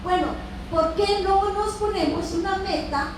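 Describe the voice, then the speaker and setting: A woman's voice: very high voice, unhurried. A woman teaching a Bible lesson with fervor, breaking into amens and calls to God. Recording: echoey room from far off with noise.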